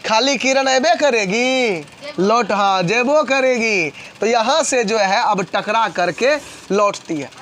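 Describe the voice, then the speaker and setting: A man leads a classroom physics lesson at a quick clip. He repeats each point and keeps throwing questions at his students to answer in chorus. Faint traffic sounds carry in from outside. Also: high voice, animated, a bit bright. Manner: fast, repetitive call-and-response questioning. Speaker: coaching class teacher.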